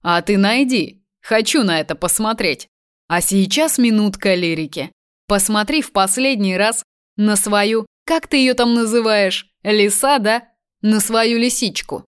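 A man's voice: sits high, measured pace, a bit bright, clear, resonant tone. Woman doing a mean gloating kidnapper guy, sneering and taunting, audiobook. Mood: mocking. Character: vengeful cruel young man kidnapper, mocking.

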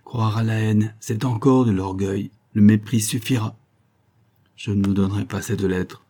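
A male audiobook narrator reads a classic story in a measured, commanding way. His voice is low and mellow, with a husky grain. He keeps a cold, deliberate control over every sentence. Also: steady tone.

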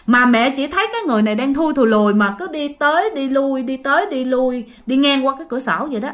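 A woman's voice: sits high, fast. A woman with a Southern Vietnamese accent who hosts a channel, casually retelling ghost stories in a chatty way and talking straight to her listeners. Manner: chatty, addresses listeners directly, heavy use of sentence-final particles. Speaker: storyteller and channel host.

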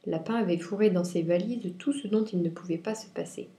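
A woman reviewing and reading a children's picture book aloud in clear, expressive storytelling. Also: on the low side, brisk. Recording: roomy echo.

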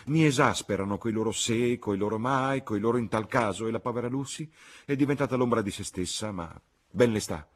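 A man voicing an excitable, self-righteous middle-aged mother who exclaims and fusses in a raised voice. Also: mid-range voice, measured pace, vocal fry, breathy edge, pitched above the performer's own voice, heavily acted. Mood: indignant.

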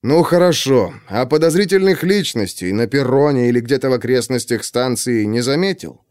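A man's voice: medium pitch, expressive, moderate pace, a little mellow, clear, resonant tone, no room sound, studio quality, natural voice. A man voicing an irritable middle-aged police major with a curt, impatient manner. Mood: irritated.

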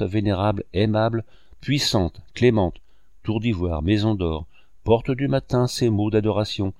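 A man reads a classic novel aloud in a measured voice that rises and falls with the sentences. His voice sits low and is recorded close and dry, with no room around it. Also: no echo. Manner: measured, with lively rising and falling inflection. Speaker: audiobook narrator. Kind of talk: scripted narration of a classic novel.

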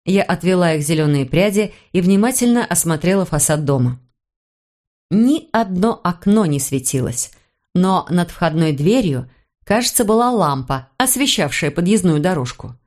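Woman narrating in a low, measured voice. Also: lively intonation, darkish tone. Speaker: audiobook reader. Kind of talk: scripted narration.

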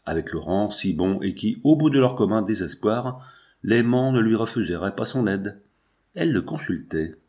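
A man reading a novel aloud as narrator, in a measured, even way. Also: lowish voice. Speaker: audiobook narrator. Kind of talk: scripted literary narration.

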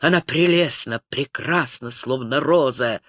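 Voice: mid-range voice, measured pace, fairly bright tone, no echo, clean studio sound, pitched below the performer's own voice. An audiobook reader voicing an eager, self-assured young man who boasts a little. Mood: smug. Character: eager smug young male knight.

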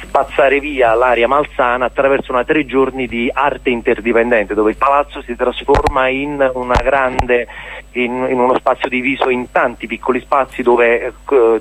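In a radio interview, a member of a cultural centre explains things hesitantly, repeating words while he hunts for the next one. He has a medium-pitched, fairly bright voice, and the recording quality is low.

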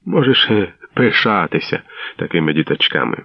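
A man's voice: sits low, sing-song, normal speed, creaky, no room sound, exaggerated voice. Man putting on a barking bully gendarme. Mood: mocking. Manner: rude, mocking, barking. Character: coarse mustached male tsarist gendarme, bullying. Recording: dull lo-fi radio recording.

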